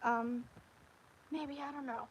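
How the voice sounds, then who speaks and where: A woman hosting a casual livestream, chatting about anime in a rambling, animated way. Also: fairly high pitch, slow pace, breathy edge, muffled recording. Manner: rambling, animated, with frequent restarts and fillers. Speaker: livestream host. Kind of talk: casual anime review chat.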